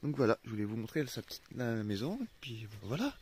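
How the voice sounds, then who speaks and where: Very animated and quick despite being groggy and freshly awake, this French vlogger speaks in a darkish, medium-pitched voice. He rambles casually from his farm and van, full of fillers and restarts, needing his coffee, with slight background noise.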